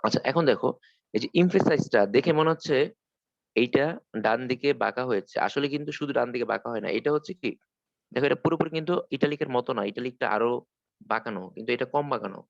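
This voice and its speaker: Fast-talking male teacher, dull call audio. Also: medium pitch, gravelly, no echo. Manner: quick, explanatory, asks and answers own questions. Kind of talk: online class lecture. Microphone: computer mic on a video call.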